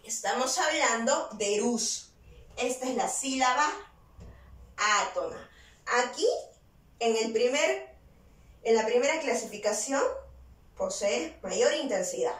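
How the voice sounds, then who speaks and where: A high-pitched woman teacher speaking at an unhurried, careful pace. She often poses questions to the class and answers them herself, leaning on the key words. Her voice sits back from the mic in a roomy, echoing space. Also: animated, far from the mic. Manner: slow, deliberate explaining with stressed key words. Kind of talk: virtual class lesson.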